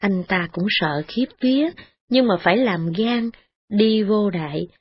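A woman reading a story aloud in a steady, expressive way. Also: medium pitch, unhurried, slight background noise. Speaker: narrator. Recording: dull lo-fi recording with faint music.

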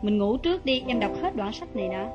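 An actress playing a gentle but proud young wife in a stage drama, speaking in a soft, measured way. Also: female voice, a little high, expressive, highs cut off, over music, natural voice. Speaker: actor.

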